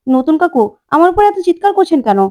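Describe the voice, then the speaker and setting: A woman's voice: very high-pitched, expressive, fast, darkish tone, pitched above the performer's own voice. A woman voicing a spiteful young woman in a retold family serial, snide and defensive. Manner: whiny, defensive.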